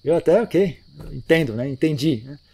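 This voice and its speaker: A man giving a relaxed, conversational Buddhist dharma talk, often ending phrases with tag questions. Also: on the high side, moderate pace. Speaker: Buddhist teacher. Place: monastery.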